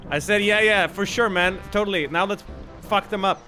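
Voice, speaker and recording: A man's voice: high voice, moderate pace, bright, forceful tone, soft background music. A man from Sweden in his late twenties, playfully trolling other players while streaming from home. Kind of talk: casual streaming chat.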